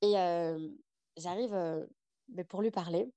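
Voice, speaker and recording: A young adult woman, a podcast guest, telling a personal story in a casual, animated way with lots of fillers. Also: on the low side, slow pace, no room sound.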